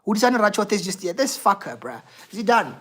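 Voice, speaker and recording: A woman's voice: medium pitch, sing-song, brisk, fairly bright tone. A woman hosting a football live stream, ranting heatedly and profanely about her team and replying to viewer chat. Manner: reads out viewer chat and replies. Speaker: football livestream host.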